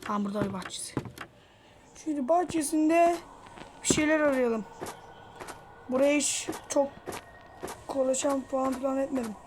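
Young woman streamer, high pitched, swearing at a horror game, lots of hiss on the mic. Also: normal speed, long pauses. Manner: foul-mouthed, yelling at the game. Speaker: gameplay streamer.

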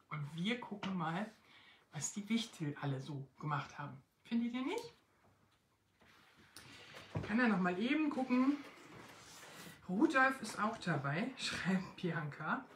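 A woman hosting a live stream, reading a Christmas story aloud in a lively, expressive way, recorded on a phone. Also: mid-range voice, measured pace, long pauses, roomy sound, a little hiss or hum. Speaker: host of a craft shop live stream. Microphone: phone, filmed upright.

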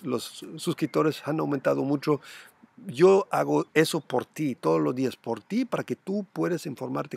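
A man's voice: a little high, gravelly, no echo. A middle-aged man hosting a crypto channel from home, talking casually to camera and squealing when he mimics panicked buyers. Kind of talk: casual direct-to-camera talk.

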